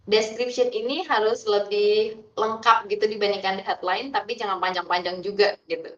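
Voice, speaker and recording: A woman's voice: medium pitch, fairly even intonation, moderate pace, echoey room, dull audio. A woman leading a live online marketing class, prompting students for ideas and moving through the lesson. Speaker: class instructor.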